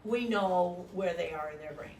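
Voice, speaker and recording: An older woman giving an animated training talk to parents, telling stories and acting out voices as she explains. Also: on the low side, moderate pace, a little hiss or hum. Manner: lively storyteller, acts out voices.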